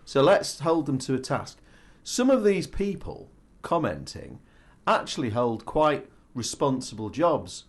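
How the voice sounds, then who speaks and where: A man's voice: mid-range voice, big pitch swings, unhurried. A man co-hosting a podcast in casual banter, with a dry, sardonic way of talking. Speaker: podcast co-host.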